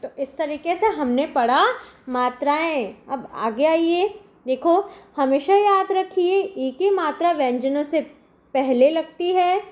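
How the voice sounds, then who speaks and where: Woman teacher, very high voice, slow and patient, explaining to young children. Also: a little mellow. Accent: Indian Hindi. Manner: slow, patient, spelling out sounds; often says "dekho", addressing children. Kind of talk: primary school lesson.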